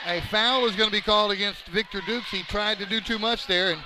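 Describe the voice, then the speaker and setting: A high-voiced play-by-play announcer calls a live basketball game in a noisy gym. His rapid calls rise with excitement on big plays, and he trades joking banter during the lulls.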